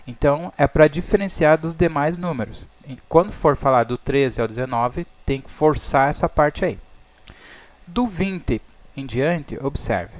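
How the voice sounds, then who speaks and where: A man's voice: on the high side, expressive, unhurried. A Brazilian man, a native Portuguese speaker, teaching English numbers in a patient, explaining way over slides. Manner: patient, checks in with "tá?" and "ó".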